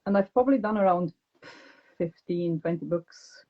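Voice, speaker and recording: A woman's voice: fairly low pitch, moderate pace. A woman from Romania joins the interview as a guest over a video call. Her answers are short and polite, and the line sounds a little dull and lo-fi. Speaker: guest illustrator.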